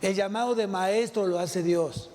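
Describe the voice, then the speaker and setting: A Mexican Spanish-accented pastor preaches unhurriedly in a big church hall, asking rhetorical questions and returning to key phrases. His voice sits high with a darkish tone. The audio carries long hall reverb and slight background noise.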